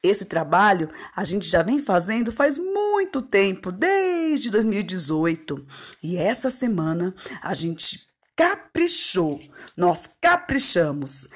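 A woman, a preschool teacher talking in a playful, singsong way to young children. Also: medium pitch. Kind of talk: lively talk to young children.

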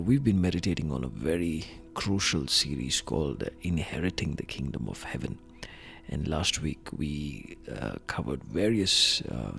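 A man hosting a sermon podcast, speaking in a measured, hesitant way with many fillers and lifting his voice to read scripture. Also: rumbling low, vocal fry, sharp tone. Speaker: preacher and podcast host.

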